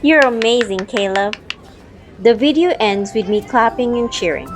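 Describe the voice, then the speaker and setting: A woman narrates a first-person audio drama, acting out her own dialogue lines within the story, with background music under her voice. Her voice is a little high and animated at a moderate pace, with a slight hiss or hum in the recording.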